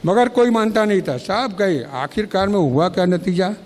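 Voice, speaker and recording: At a felicitation ceremony in a college auditorium, a man gives a public speech full of stories, acting out the exchanges he recounts. His voice is high and darkish, at a moderate pace. The long auditorium reverb comes with a little hiss or hum.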